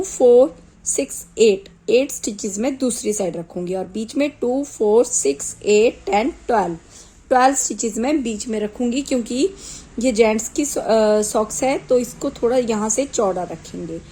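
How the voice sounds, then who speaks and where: A woman with a sore throat teaching knitting step by step, calmly counting stitches aloud one at a time. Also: on the high side, low-quality recording. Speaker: knitting tutor. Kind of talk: slow step-by-step craft tutorial.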